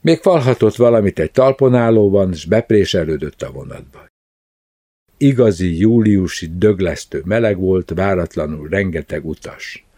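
A man calmly reading a novel aloud as narrator. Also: sits low, dry recording, clean studio sound. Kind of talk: scripted audiobook narration.

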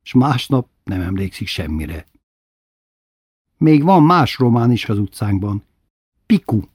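A man reading a childhood memoir aloud as narrator, in a subdued, intimate storytelling manner with a husky voice. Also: fairly low pitch, very animated, a little mellow, no echo, clean studio sound.

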